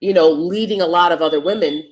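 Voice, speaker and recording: A fast-talking woman with a lowish, loud, projecting stage voice gives emphatic opinion commentary as a vlogger. She moves back and forth between loud points and soft asides.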